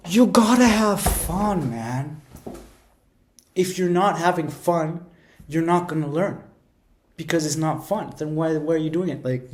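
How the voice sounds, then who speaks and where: Speaking in a fairly high, darkish voice, a language-learning video creator rambles through casual how-to advice. He's informal and emphatic and keeps repeating phrases to drive points home.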